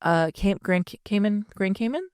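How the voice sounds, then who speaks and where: A woman's voice: medium pitch, expressive, moderate pace, a little mellow, smooth, no room sound, studio quality. A woman in her thirties co-hosting a podcast in casual chat, talking chattily with lots of "like". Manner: chatty, peppered with "like". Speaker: podcast co-host.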